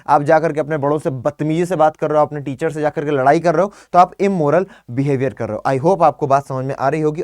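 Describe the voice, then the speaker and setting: Young male teacher, a bit high-pitched, dry close mic; lively exam-prep vocab lesson full of rhetorical questions and spelled-out words. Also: no room sound. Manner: lively, often asks the class rhetorical questions; mixes Hindi with English, spells words out letter by letter.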